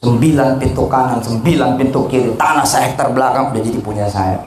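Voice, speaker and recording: A man preaching a lively, joking sermon to a congregation. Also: fast, echoey room. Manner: animated, joking, swings between high and low.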